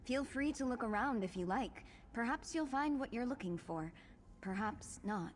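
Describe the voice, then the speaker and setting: A woman playing a composed, wary young sister in a fantasy video game, speaking in a formal, measured way. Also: fairly high pitch, lively intonation, noisy background, close to an everyday voice. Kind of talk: video game character acting.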